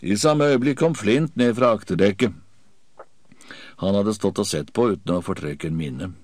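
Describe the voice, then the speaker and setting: A man's voice: lowish voice, a little mellow, no echo. A man narrating an audiobook in the first person with a vivid, dramatic reading.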